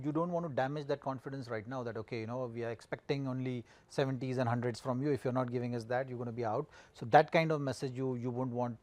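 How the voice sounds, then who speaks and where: A man analysing cricket as a pundit, circling his points haltingly with repeated phrases. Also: mid-range voice, a little mellow, no echo. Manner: halting, repetitive phrasing with frequent "you know". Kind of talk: studio match analysis.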